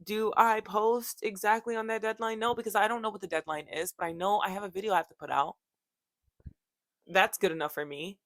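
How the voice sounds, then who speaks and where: A woman's voice: medium pitch, steady tone, a little fast, fairly bright tone, dry recording. Young woman YouTuber, rambly jokey vlog talk, dry close sound, mid voice. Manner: rambling and joking, swears freely. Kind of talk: casual chat to camera.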